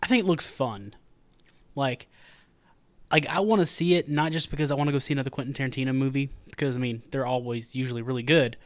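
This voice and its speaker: A man joking around on a podcast in an animated, playful way. His voice sits at a mid pitch. The recording is dry, with no room echo. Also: quick pace. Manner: jokey and animated. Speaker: podcast co-host. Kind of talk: casual chat.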